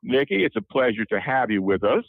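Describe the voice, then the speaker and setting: A man hosting a podcast interview, introducing his guest in a warm, halting way with many fillers. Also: mid-range voice, big pitch swings, creaky, no room sound, phone-quality sound. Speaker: interview host.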